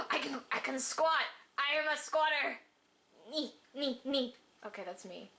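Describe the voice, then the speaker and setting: A woman giving excited game reaction commentary, gasping and squealing as she plays. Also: high voice, a little slow. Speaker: gaming channel host. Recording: game music loud beneath voice. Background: game music.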